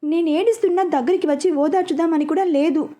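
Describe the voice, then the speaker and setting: A woman's voice: sits high, normal speed, dark tone, voice pushed up, close to an everyday voice. A woman voicing a sulky, dramatic young woman who pleads and whines like a child, in a storybook reading. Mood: whiny.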